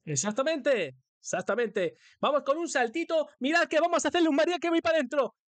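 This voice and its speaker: A man's voice: extremely high pitch, lively intonation, a little fast, dry recording. A man with a Spain Spanish accent giving playful, singsong, crude live commentary as a streamer while he plays a game.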